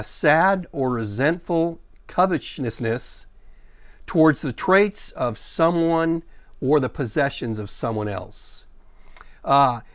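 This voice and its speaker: A middle-aged man preaching a sermon, explaining scripture verse by verse and reading the quoted passages slowly and deliberately. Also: a little high, dry recording, clean studio sound. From born in Sudan, raised in Ethiopia and America. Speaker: pastor.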